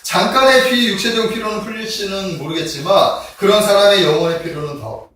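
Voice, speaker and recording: A man's voice: sits high, a little fast, a bit bright, a little hiss or hum. A male pastor giving a conversational sermon and often checking in with the congregation. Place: church sanctuary. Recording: echoey church hall recorded from far off.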